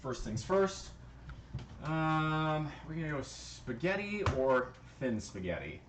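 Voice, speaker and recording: A man livestreams himself cooking indoors in his home kitchen on a handheld phone camera, talking casually to chat, counting numbers out loud and cursing occasionally. He sounds very animated, with a voice on the high side, yet speaks slowly. The recording is rough, with slight background noise.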